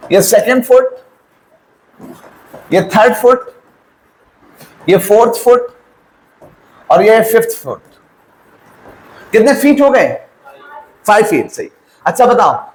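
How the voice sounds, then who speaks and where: A man's voice: very high-pitched, reverberant, rough recording. A male teacher giving a lesson, quizzing students and answering his own questions, mixing Hindi with English terms. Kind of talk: classroom lecture.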